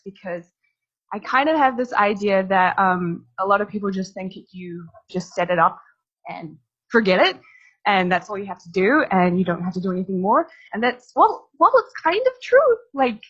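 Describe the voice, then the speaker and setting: A young woman from New Zealand talks casually through a workshop presentation, filling her sentences with loose asides. Her voice is slightly husky and sits at an ordinary pitch. The recording is muffled and lo-fi. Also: a bit bright. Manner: casual, chatty, filler-heavy. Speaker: workshop speaker. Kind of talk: live presentation to an audience.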